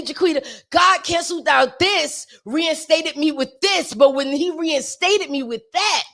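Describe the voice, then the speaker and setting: A singer shares her testimony on a livestream, preaching motivation to viewers in a fervent, sermon-like way. Her naturally raspy, high-pitched voice is fairly bright, stays rough in every line, and she addresses viewers directly, repeating each point to drive it home.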